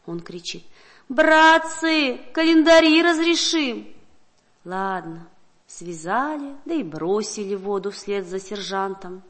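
A woman's voice: mid-range voice, unhurried. A woman reading a satirical folk tale aloud in a storytelling cadence, with occasional slips. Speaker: narrator.

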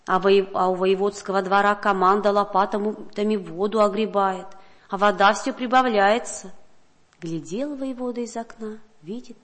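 A woman reading a satirical folk tale aloud in a storytelling cadence, with occasional slips. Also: mid-range voice. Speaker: narrator.

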